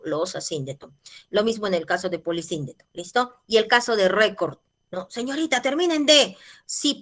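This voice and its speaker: Casting: woman teacher, patient and clear, keeps asking if the class follows. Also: lowish voice, a bit bright. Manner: patient explanatory, checks in with "¿ya?" and "¿listo?". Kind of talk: grammar lesson.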